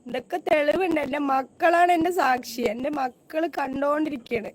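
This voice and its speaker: A woman with a hoarse voice after throat surgery, making an agitated, insistent video complaint as a YouTuber and mother of five. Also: high voice, normal speed.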